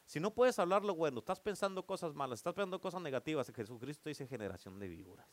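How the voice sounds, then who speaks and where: A man's voice: a little high, quick pace, no room sound. A male pastor preaching a sermon in church, playful and teasing as he keeps calling for amens from the congregation.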